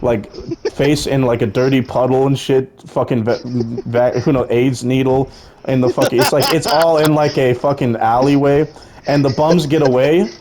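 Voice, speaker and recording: A young man casually pitching a film idea, rambling and profane, often laughing at his own story. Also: fairly even intonation, moderate pace, noisy background.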